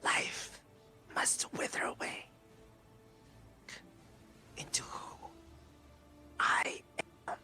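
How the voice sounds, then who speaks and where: A man voicing an ancient, menacing god of life and death in a demonic, possessed-sounding harsh whisper, slow and grandiose, during a tabletop game. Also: pushed and bright, faint music behind, exaggerated voice. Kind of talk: tabletop game role-play.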